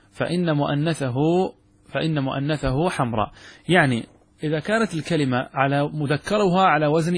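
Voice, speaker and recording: A man teaches a grammar lesson in a husky, mid-pitched voice. He works through examples step by step and keeps checking that his students follow. The sound is dry and close to the mic. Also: no room sound. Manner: explains step by step, checks understanding with quick questions. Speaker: sheikh teaching Arabic grammar. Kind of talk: classroom lecture.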